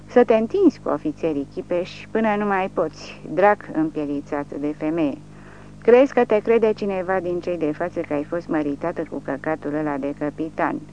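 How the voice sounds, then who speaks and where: A woman's voice: deep voice, mellow, highs cut off, a little hiss or hum, lightly acted. A woman voicing a drunk, brutal male commissar who rants and hurls abuse. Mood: raging. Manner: slurring, abusive ranting.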